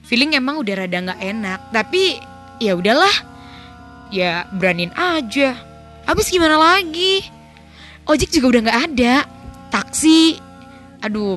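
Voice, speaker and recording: A woman's voice: a little high, a bit bright. A young woman narrating a dramatized personal story in an emotional, confessional, casual way.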